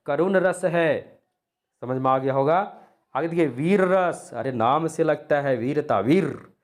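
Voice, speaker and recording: A man gives a video lesson in a fairly high voice. He keeps posing rhetorical questions and answering them himself. He recites verse lines with lively emphasis. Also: slow. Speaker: Hindi grammar teacher. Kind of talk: classroom lecture.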